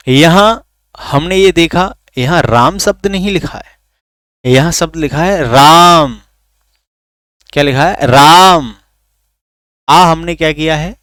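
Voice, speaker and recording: एक आदमी, जो रिकॉर्ड की गई ऑनलाइन क्लास पढ़ाता है, खुद सवाल पूछकर खुद जवाब देता है और स्वरों को खींचकर बोलता है।. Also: male voice, on the high side, dry recording, studio quality. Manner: asks questions then answers them himself; drags out vowels to demonstrate. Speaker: teacher. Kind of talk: recorded online lesson.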